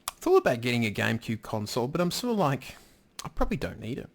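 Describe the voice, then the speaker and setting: A man's voice: medium pitch, very animated, fast talker, gravelly. A man hosting a live stream, rambling casually and swearing now and then as he answers his chat. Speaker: livestream host reading chat.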